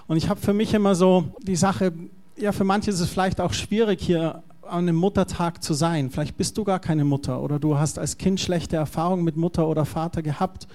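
A man's voice: high-pitched, fairly even intonation, brisk, darkish tone. A male pastor giving a conversational, explanatory sermon.

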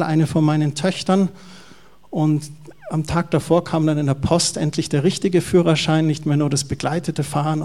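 A middle-aged male pastor with a Bavarian German accent, preaching a sermon and asking the congregation questions. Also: a little high. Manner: lively storytelling, asks the congregation questions.

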